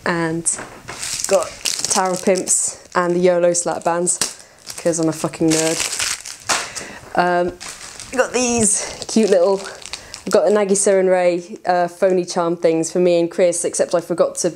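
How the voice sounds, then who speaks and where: A woman vlogging in casual chat, tired and hoarse, rambling excitedly, swearing freely and laughing often. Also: on the low side, unhurried, long pauses, noisy background.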